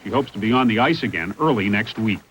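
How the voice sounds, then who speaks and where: A man's voice: lowish voice, lively intonation, fast, background noise. A man narrating a scripted television news report as a correspondent.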